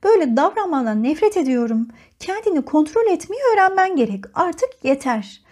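Fed-up mom snapping and scolding, high but mellow voice, a woman reading her lines. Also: moderate pace. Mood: angry. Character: exasperated, worn-out middle-aged mother.

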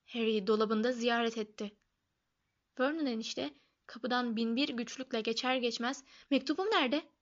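A woman giving expressive scripted audiobook narration. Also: a little high, moderate pace, dull audio.

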